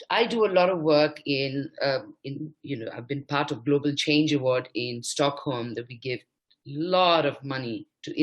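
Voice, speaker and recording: A woman from India speaking as a panelist, making impassioned, emphatic points that climb higher in pitch when she stresses them. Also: fairly bright tone. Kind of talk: panel discussion.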